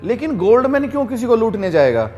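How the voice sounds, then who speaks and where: An actor playing a relaxed, teasing police station officer. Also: male voice, very high voice, fast talker, lo-fi sound, soft background music. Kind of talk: comic web-series acting.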